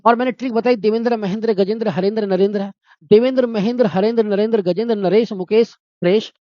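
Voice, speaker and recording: A man's voice: sits high, a little mellow, no room sound. Male teacher, exam-prep grammar lesson, asks and answers his own questions, muffled lo-fi sound, dry close room. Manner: repetitive, quizzing the viewer.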